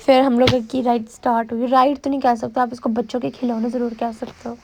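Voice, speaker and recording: Chatty high-voiced young woman vlogging. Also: level tone, quick pace, noisy background. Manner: chatty and self-mocking, with frequent restarts. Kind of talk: casual voice-over vlog narration.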